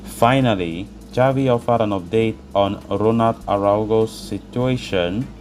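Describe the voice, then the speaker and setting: A man's voice: lowish voice, a little slow, a little mellow, slight background noise. A man presenting football news, reading a script and adding his own commentary.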